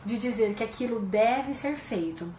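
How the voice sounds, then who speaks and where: A woman's voice: a little high, expressive, normal speed, a little mellow, roomy sound, slight background noise. A Brazilian woman psychologist explaining things in a live-stream chat, asking rhetorical questions as she goes. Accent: Brazilian Portuguese.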